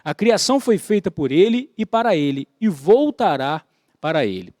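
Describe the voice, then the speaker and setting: A man teaching a church Bible study lesson in a conversational way, checking in with his listeners and slowing down to stress key points. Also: high-pitched, big pitch swings, darkish tone, no room sound, studio quality. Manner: conversational, frequent tag questions "né?" and "tá?"; slows down to stress key words. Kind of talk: Sunday school Bible lesson.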